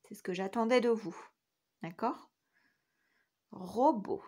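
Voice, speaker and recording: A woman with a mid-range, dark-toned voice speaks slowly. She is a kindergarten teacher recording a spelling lesson for young children, patiently sounding out every letter and syllable.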